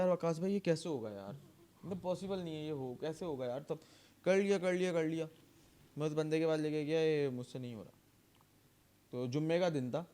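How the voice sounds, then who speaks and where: A young man, telling a workplace story on a podcast in a lively, laughing way, acting out the dialogue. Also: fairly high pitch. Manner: animated, acts out dialogue, laughs often. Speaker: podcast co-host. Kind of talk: casual storytelling chat.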